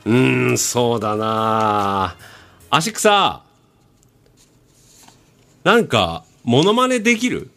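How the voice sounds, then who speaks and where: A man doing comedic banter with an AI assistant, firing off rough, exasperated retorts. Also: medium pitch, sing-song, extremely slow, pauses often, fairly bright tone.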